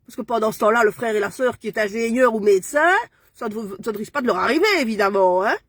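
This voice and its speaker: A woman's voice: a little high, quick pace, a bit bright, dry recording. A woman, ranting furiously on a social media live stream and punctuating her lines with "hein". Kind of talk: angry live-stream rant.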